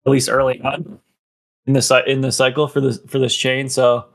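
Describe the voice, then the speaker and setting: Here a man's mid-range, creaky, fairly bright voice barely moves in pitch as he speaks at a moderate pace. He's rambling on a casual podcast, stuffing his talk with "like" and "um" while running short of breath.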